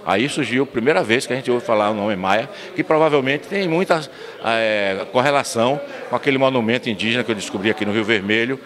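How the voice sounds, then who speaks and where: In his 60s, this local historian from São Miguel das Matas in Bahia, Brazil, is the guest in a recorded interview held indoors in the municipal council chamber. He talks fast at a medium pitch, an earnest, expansive storyteller who restarts words, speaking into a handheld mic the interviewer holds. Crowd noise surrounds him.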